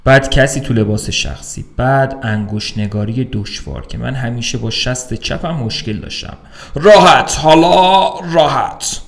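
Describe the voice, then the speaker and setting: Brief: male storyteller, dry wry first-person reading, medium pitch. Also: vocal fry. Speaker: podcast narrator. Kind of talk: reading a short story aloud.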